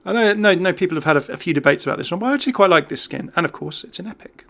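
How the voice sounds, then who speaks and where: Here a British gaming host rattles off casual, spontaneous commentary, talkative and quick to laugh. He speaks very fast in a high, gravelly, slightly bright voice whose intonation jumps around lively.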